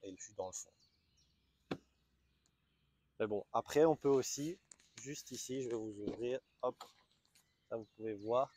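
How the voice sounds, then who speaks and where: Chatty Belgian French man, mellow voice. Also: mid-range voice, a little slow, pauses often, slight background noise. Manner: enthusiastic, chatty, hesitant restarts. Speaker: car dealer presenting a car. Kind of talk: casual walkaround presentation. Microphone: small camera-mounted mic.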